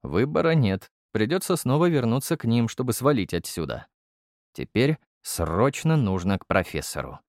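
A man's voice: mid-range voice, very animated, moderate pace, a little mellow, no room sound, clean studio sound. A man narrating a first-person fantasy audiobook in a brusque, blunt manner.

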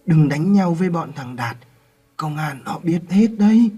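A man voicing a gentle, dying old man who speaks weakly and with strain. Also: a little high, lively intonation, moderate pace, slightly rough, faint music behind, voice pushed up. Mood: weak pleading. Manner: weak, strained.

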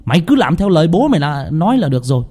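A man voicing a rough village father who swears and wails loudly, in a spoken ghost story. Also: fairly high pitch, sing-song, racing, big-room sound, pitched above the performer's own voice. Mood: gruff. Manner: gruff, swearing, wailing loudly. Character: rough-tongued village father, hot-tempered and cursing.

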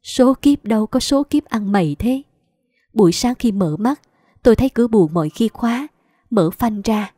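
A woman's voice: on the high side, lively intonation, normal speed, dark tone, no echo, studio quality. A woman narrating a story in the first person, in a plaintive, lamenting way. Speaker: audiobook narrator.

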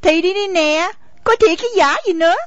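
Woman doing a sharp-tongued sulky young wife. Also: very high voice, brisk, no echo. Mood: defiant. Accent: Southern Vietnamese. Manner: mocking, sarcastic. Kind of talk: radio drama acting. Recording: dull lo-fi recording, faint music.

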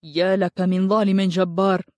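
A woman's voice: fairly low pitch, level tone, moderate pace, a little mellow, no echo, clean studio sound, lightly acted. A woman voicing a tall, dignified young village man who speaks firmly and reproachfully.

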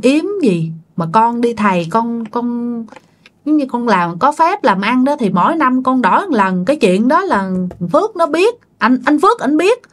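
A woman doing a halting, tearful young woman, Southern Vietnamese accent. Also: fairly high pitch, sing-song. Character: grieving young woman pouring out her hurt.

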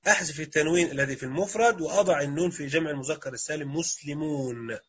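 A man's voice: fairly high pitch, very fast, husky, dull audio. A man with an Egyptian Arabic accent teaching Arabic grammar in a classroom lecture, quizzing students and repeating their answers.

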